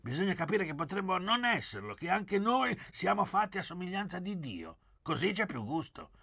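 Male reader's teasing young debater, lively lilt over a husky voice. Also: sits high, normal speed, no room sound, studio quality, pitched above the performer's own voice, heavily acted. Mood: earnest. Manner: teasing, pressing questions. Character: cheerful, needling young man, quick debater.

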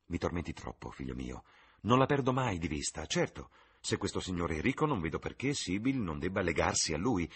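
A man voicing a vain, theatrical middle-aged mother in an audiobook, husky and fussy. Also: sits low, big pitch swings, a little fast, exaggerated voice. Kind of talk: audiobook reading.

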